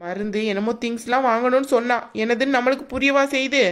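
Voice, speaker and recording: A woman's voice: fairly high pitch, fast, close to an everyday voice. A woman voicing a worried, ailing older mother in a cartoon, speaking with a southern Tamil Nadu accent in a fretful, self-reproaching way. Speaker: voice actor. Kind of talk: cartoon voice acting.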